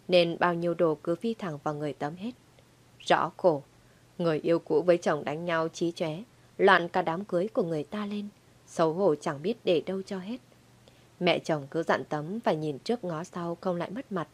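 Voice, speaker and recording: A woman narrating a dramatic audio story in a lively storytelling manner. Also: fairly low pitch, normal speed.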